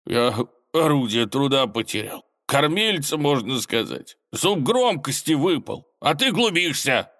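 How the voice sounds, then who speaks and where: A man voicing a boastful, toothless old male forest robber in a storybook, squeaky and quick to take offense. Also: animated, natural voice. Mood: self-pitying. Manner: squeaky, petulant, easily offended. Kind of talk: storybook character voice.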